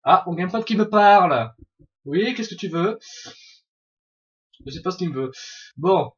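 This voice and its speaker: A man giving excitable, profanity-laden commentary while playing an online game, often shouting at opponents. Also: high voice, measured pace, muffled recording. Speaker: gaming video host. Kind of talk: Let's Play commentary.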